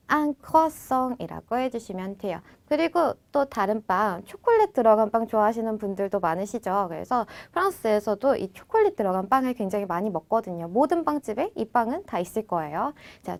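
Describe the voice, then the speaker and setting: Female language teacher, a touch high-pitched, walks students through phrases with slow, careful modeling. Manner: slows down to model phrases, then explains in Korean. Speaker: French teacher. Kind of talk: language lesson.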